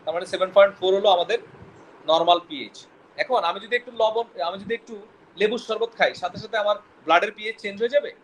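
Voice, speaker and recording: A man's voice: sits high, fast, slight background noise, rough recording. A man teaching a biology class, quizzing students and mixing English terms into his explanations. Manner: quizzing, mixes English terms, stumbles over words. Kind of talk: classroom lecture with questions to students.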